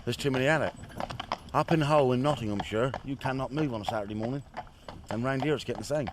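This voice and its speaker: A man's voice: mid-range voice, fast talker. Rag and bone man, mid-range, colloquial and chatty, noisy street location. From southern England. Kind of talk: casual chat outdoors. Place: outdoors on a horse-drawn cart in the street. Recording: noisy outdoor street recording.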